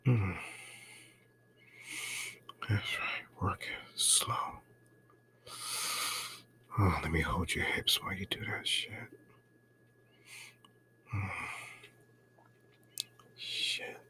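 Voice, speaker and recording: A man doing an intimate whispered role-play right in your ear, breathy and coaxing, close to the mic. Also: extremely slow, long pauses, bright, forceful tone. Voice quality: breathy, mostly whispered low voice.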